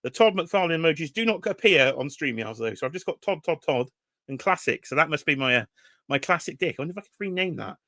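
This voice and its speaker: Reading out chat names and teasing viewers, a chatty British host greets his audience on a toy-collecting livestream. He's a little high-pitched, expressive and quick, with a sharp tone captured in a dry, studio-quality recording.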